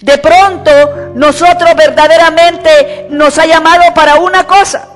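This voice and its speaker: A woman's voice: very high voice, steady tone, a little slow. A woman preacher, delivering an emphatic sermon and repeating key words for stress. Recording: echoey church hall with faint music.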